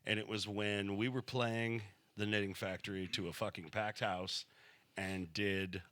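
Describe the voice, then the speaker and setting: A rock songwriter chatting on a podcast in a home-built studio, his voice low-pitched yet bright. He tells stories with plenty of swearing and a wry edge. The sound is dry and close. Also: little pitch movement, a little slow, no room sound. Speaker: songwriter and guitarist in a rock band. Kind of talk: casual podcast chat.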